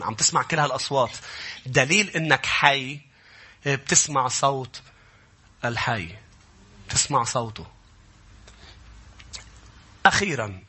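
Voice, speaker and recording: A man preaching a sermon, building to impassioned, shouting passages as he retells scripture. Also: medium pitch, breathy edge.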